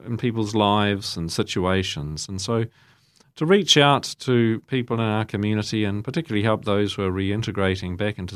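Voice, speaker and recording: New Zealand priest, low-pitched and chatty. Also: male voice, no echo, clean studio sound. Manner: chatty and self-deprecating, then measured intoning prayer. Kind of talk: homily and prayers of the faithful.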